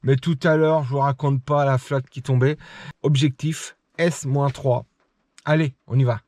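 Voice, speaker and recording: Out in the rain doing hill repeats, a French trail runner chats to the camera between climbs in a casual vlog. His voice is mid-range and a little mellow, with fairly even intonation and an unhurried pace.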